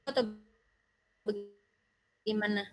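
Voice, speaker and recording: A woman lecturer asking her class short, halting questions over a video call whose audio keeps breaking up. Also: medium pitch, fairly even intonation, noisy background. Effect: choppy, breaking-up video call audio. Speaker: university lecturer. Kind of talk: casual talk to students before an online class.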